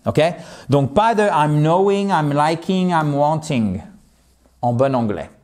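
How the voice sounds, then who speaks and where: A male teacher gives an online language lesson in a fairly high voice. He takes his time, speaking slowly and with lively emphasis. He addresses his viewers directly. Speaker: English teacher.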